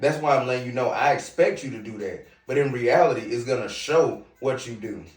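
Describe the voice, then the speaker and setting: At a brisk clip and medium pitch, a man with a slight Southern US twang hosts a casual podcast monologue in a hookah lounge. He comes across brash and lecturing as he addresses his viewers directly. The audio is distant and off-mic in a roomy space, backed by music.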